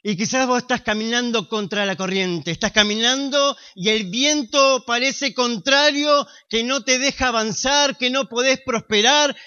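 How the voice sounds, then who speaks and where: Slow, high-voiced Rioplatense preacher. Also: male voice, pushed and bright. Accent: Rioplatense Spanish. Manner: slow, emphatic preaching with dramatic pauses. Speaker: pastor. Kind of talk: sermon. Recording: slightly dull lo-fi sound.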